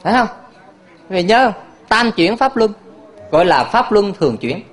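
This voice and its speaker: A man's voice: sits high, very animated, moderate pace. A man, a Buddhist monk, preaching to a hall of followers in a playful way, laughing often and quizzing the audience. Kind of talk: sermon.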